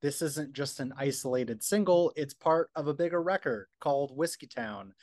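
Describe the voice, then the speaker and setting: A man's voice: a little high, moderate pace, a little mellow, no echo, clean studio sound. A man interviewing a guest in a friendly, agreeable way, with casual fillers.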